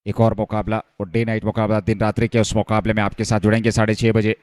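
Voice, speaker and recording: A man commentating live on a cricket match, getting excited as the play heats up. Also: fairly low pitch, quick pace, clean tone, dry recording.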